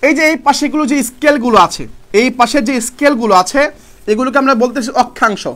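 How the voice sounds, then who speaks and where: A young male tutor gives a fast online exam-prep lecture in a very high voice. He fires questions at his students and answers them himself, repeating each key term. He speaks casually and calls his students brother. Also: sharp tone.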